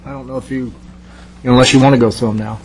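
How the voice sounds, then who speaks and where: A man's voice: medium pitch, steady tone, very fast, slight background noise, rough recording. A man on city staff answering commissioners in a meeting, hesitant and trailing off. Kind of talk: public meeting discussion.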